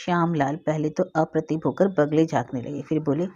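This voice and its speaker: A woman's voice: low-pitched, fairly even intonation, a little fast, dark tone, slightly rough, muffled recording. A woman telling a classic story as narrator, reading expressively.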